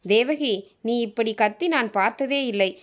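A woman voicing a kind woman office director in a storybook reading, asking gentle, concerned questions. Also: a little high, measured pace, lightly acted.

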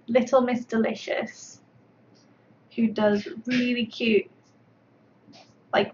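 A woman sculptor chatting casually on a livestream while she paints, rambling along with plenty of fillers. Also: medium pitch. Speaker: sculptor livestreaming her work. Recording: dull lo-fi stream audio with faint background noise.

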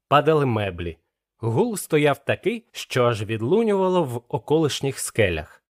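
Male audiobook narrator, mid pitch, steady and measured.

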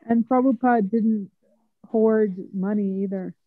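Woman, bad connection cutting out, tinny phone-like sound, flat delivery. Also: medium pitch, measured pace, no echo. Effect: choppy call line with a voice cutting out. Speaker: participant. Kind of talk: casual remark in a group discussion. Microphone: remote call. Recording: tinny, dry, cutting-out call line.

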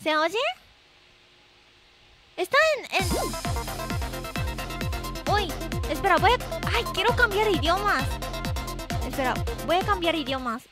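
A woman's voice: expressive, slow, pauses often, music in the background. A woman livestreamer with an anime-like voice, chatting casually and playfully with viewers, often exclaiming and repeating herself. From Japan. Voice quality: very high anime-like voice.

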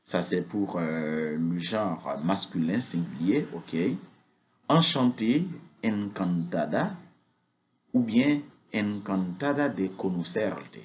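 A man's voice: low voice, expressive, slow, a little hiss or hum. A man giving a spoken language lesson, hesitant, with frequent fillers and words repeated for practice. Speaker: Spanish teacher. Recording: dull lo-fi recording.

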